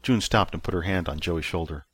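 A man narrating a science fiction story that he wrote, in steady, plain storytelling. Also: low voice, brisk, breathy edge. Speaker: author and narrator.

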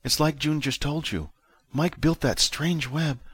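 An awkward, nervous young man far from home, as a male narrator puts him on, pitched well above the narrator's own voice. He sounds unsure and eager. It is recorded dry and close, with a husky edge. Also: a little slow, no echo. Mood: timid.

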